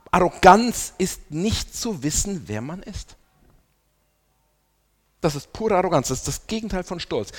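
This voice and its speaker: Guy preaching in a church, voice swings up and down a lot, long echo trailing off in the big hall. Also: a little high. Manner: addresses the congregation directly, lively emphasis. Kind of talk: sermon with scripture reading.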